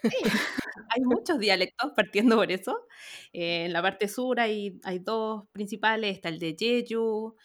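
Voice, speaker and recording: A woman hosting a relaxed group chat, laughing often as she talks. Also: medium pitch, unhurried. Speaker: host. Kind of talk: casual panel chat.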